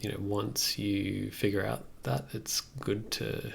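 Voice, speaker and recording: A young man livestreams a music production tutorial from his computer desk indoors, chatting casually and thinking aloud in a tentative way as he works. He speaks slowly in a fairly low, fairly even voice that is slightly rough, with vocal fry.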